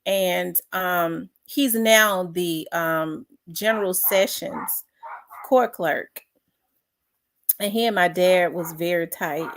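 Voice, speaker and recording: A woman hosting a casual livestream, greeting viewers by name with lots of ums. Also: lowish voice. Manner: unhurried, reads out viewer names with many fillers. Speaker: livestream host.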